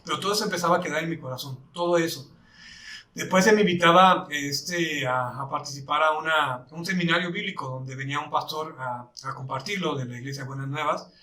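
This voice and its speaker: A man's voice: on the high side, fairly quick, pushed and bright, recorded from a distance. Mexican man telling his testimony, echoey room. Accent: Mexican Spanish. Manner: earnest storytelling, acting out dialogue. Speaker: church member giving testimony. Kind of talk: personal testimony.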